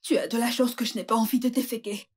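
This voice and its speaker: A woman's voice: fairly high pitch, steady tone, fast talker, husky. An actress in a French dub playing a coarse woman prisoner from a poor district, who taunts her new cellmate. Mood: taunting. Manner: taunting, crude and boastful.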